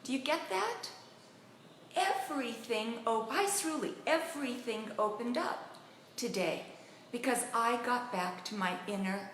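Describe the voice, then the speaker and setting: A middle-aged woman on a live stream, chatting casually as a relationship coach. She tells stories with lively acted-out voices and greets viewers by name. Her voice sounds echoey in the room, with faint noise behind it. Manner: animated, acts out quotes with pitch jumps and laughs.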